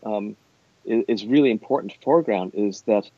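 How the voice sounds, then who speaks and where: A middle-aged man, an academic, speaking discursively and thoughtfully in a conversational interview, with hesitant, measured phrasing. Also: on the low side. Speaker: university academic being interviewed. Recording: dull, roomy, echoey sound.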